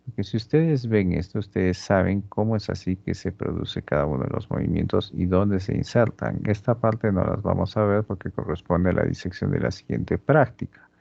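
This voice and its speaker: A man teaching anatomy over a dissection in a slow, deliberate way, constantly checking that the students follow. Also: low voice, vocal fry, a little mellow, dull audio. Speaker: anatomy instructor. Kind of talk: lecturing during a dissection demonstration.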